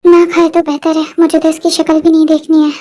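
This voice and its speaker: A very high-voiced reader playing a hurt young woman who bitterly rejects an apology. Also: monotone, brisk, mellow. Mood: cold.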